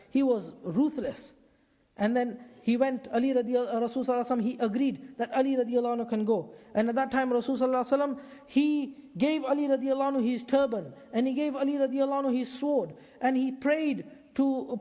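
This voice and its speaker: A man telling a story in a sermon, animated and repeating his phrases. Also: extremely high pitch, in a large hall. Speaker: preacher.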